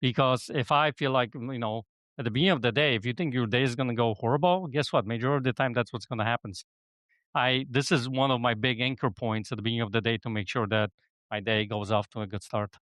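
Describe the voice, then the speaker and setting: A middle-aged man from Poland speaks in a relaxed, rambling way as a podcast guest, often checking in with "you know what I mean". His voice sits at an ordinary pitch for a man. The recording is close and dry, with no room sound. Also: fast, dry recording. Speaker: podcast guest, business coach. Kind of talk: casual conversation.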